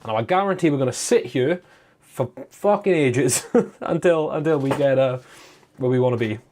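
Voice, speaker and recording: A British man chatting casually as a livestream host in a rambling, sweary, informal way, sounding tired and rough with a swollen lip. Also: medium pitch, normal speed, a little mellow, a little hiss or hum. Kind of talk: casual livestream chat to viewers.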